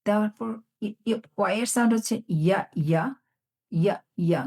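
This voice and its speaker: A woman teaching English phonics sounds in a lesson. She explains each sound, then repeats it and its example words slowly, one at a time. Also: mid-range voice, mellow.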